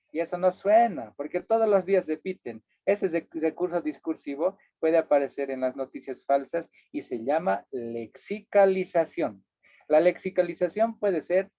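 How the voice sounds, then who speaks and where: A man's voice: on the high side, no echo. Man lecturing over a tinny line. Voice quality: tag questions to the audience, repeats words for emphasis. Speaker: workshop instructor. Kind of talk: lecturing to a workshop. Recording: dry, tinny phone-like line.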